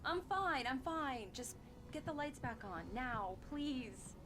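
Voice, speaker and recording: A woman's voice: high-pitched, lively intonation, slow, noisy background. An actress playing a playful, affectionate young wife who teases her husband. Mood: shaken. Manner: playful, teasing.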